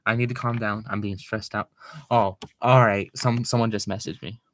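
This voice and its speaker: Rambling, excitable young streamer man. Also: on the low side, a little hiss or hum. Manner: rambling, excitable, talks fast. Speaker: live streamer. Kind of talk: casual live-stream chat.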